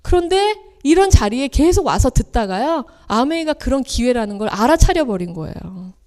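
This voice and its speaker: A high-voiced woman speaks at a seminar. Her pitch leaps and falls as she tells personal stories, and she slips into the voices of the people she quotes. She is middle-aged and talks in the manner of a motivational speech. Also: very animated, moderate pace, darkish tone. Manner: storytelling, acting out quoted family voices with big swings.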